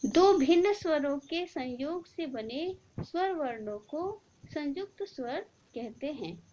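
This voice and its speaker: A woman teacher explaining a grammar lesson slowly and deliberately, drawing out the example sounds. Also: high-pitched. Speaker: school teacher. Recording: dull lo-fi recording with faint noise.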